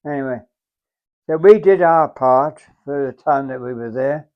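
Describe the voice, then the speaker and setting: A very old man of about a hundred with an English accent, recalling his service as a veteran in a halting, reflective, unhurried way. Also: medium pitch. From England. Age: very old, around 100. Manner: very old man's halting, reflective delivery with repeated phrases. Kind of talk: unhurried oral-history reminiscence. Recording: dull, muffled lo-fi sound.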